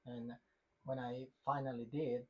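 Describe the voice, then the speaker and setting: A man from Ecuador with an Ecuadorian Spanish accent, co-hosting a podcast in halting, unhurried casual chat. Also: medium pitch, flat delivery, rough recording. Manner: halting, many fillers and restarts, non-native phrasing. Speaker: podcast co-host.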